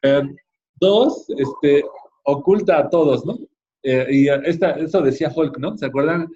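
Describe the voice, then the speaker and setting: Leading a church Bible class, a man with a Mexican accent speaks conversationally, often using tag questions and talking straight to his students. His voice is middle-pitched and a little mellow, heard through a slightly dull, lo-fi recording.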